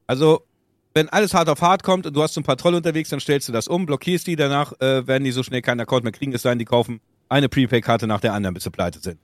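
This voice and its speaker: A man co-hosting a podcast, chatting casually about streaming, speaking haltingly with many restarts. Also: mid-range voice, no room sound, studio quality. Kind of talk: casual chat.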